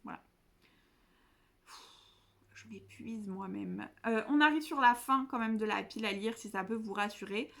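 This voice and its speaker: A woman's voice: fairly high pitch, moderate pace, pauses often, a bit bright. A young woman chatting casually as a book vlogger, self-mocking and rambling, with many fillers and restarts. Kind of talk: casual chat.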